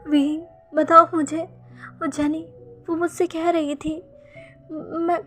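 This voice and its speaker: A woman's voice: sits high, little pitch movement, moderate pace, darkish tone, faint music behind, lightly acted. A woman voicing an insecure young man who asks wounded, hesitant questions in a storybook reading. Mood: tearful. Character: young man, insecure, hurt, tearful lover.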